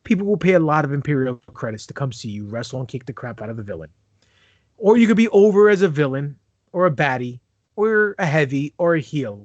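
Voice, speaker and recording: A man hosts a casual fan podcast, introducing segments with playful showmanship and explaining wrestling lingo. His voice is on the high side with a darkish tone. The recording has no echo, and the highs are cut off.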